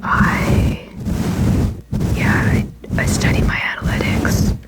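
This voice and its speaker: A person whispering quickly in an informal ASMR ramble close to the microphone, often repeating and rephrasing phrases. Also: loud music behind the voice. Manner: fast, unvoiced whispering. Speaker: video creator and host.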